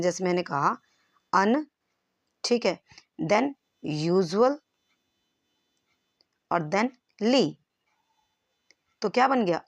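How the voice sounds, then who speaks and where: A woman's voice: mid-range voice, dry recording. A woman teacher giving an exam-prep lesson, explaining terms step by step and checking if the class follows.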